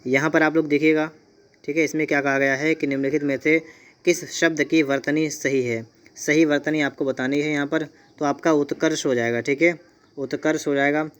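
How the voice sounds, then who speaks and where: A man's voice: a little high, steady tone, a little fast, fairly bright tone, clear, resonant tone. A man teaching Hindi spelling for exam preparation, patiently explaining each option and repeating key points. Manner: patient, repeats points, says "ठीक है" often.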